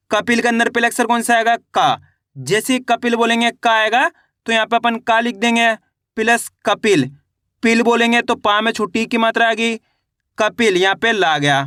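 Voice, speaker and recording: Male reading teacher, high bright voice, dry close sound, sounds out syllables one by one and quizzes. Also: dry recording. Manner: sounds out each syllable slowly, then asks and answers; repeats rhetorical quiz questions to the viewer. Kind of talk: children's reading lesson.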